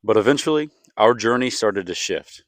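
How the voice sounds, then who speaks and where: Lower-voiced man narrating a family vlog. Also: expressive, moderate pace, no echo. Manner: earnest storytelling. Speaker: family vlogger, co-host. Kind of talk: scripted vlog voice-over narration.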